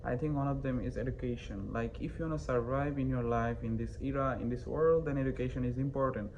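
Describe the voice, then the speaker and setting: A young man from Bangladesh, not a native English speaker, answers interview questions hesitantly, full of fillers and restarts. His pitch sits in the ordinary middle range for a man. A faint hiss runs under the recording. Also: fast talker, darkish tone, low-quality recording. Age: young adult. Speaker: interview guest, university student.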